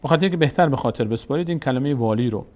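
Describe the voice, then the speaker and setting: A man with a Tajik accent teaching a recorded Quran reading lesson, speaking slowly and repeating key points for learners. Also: medium pitch, lively intonation, a little mellow.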